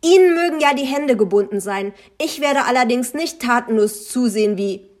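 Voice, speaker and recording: A woman's voice: fairly high pitch, measured pace. A woman voicing a young woman who argues angrily in an audiobook. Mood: furious. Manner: angry, shouting. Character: furious young woman fighting for a boy.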